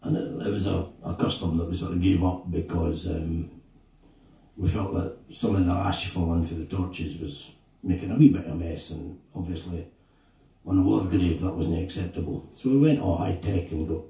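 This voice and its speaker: A Scottish man, a singer-songwriter, telling a story between songs at a live gig in a slow, halting, reflective way. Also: deep voice, warm tone. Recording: echoey room, distant mic, guitar behind.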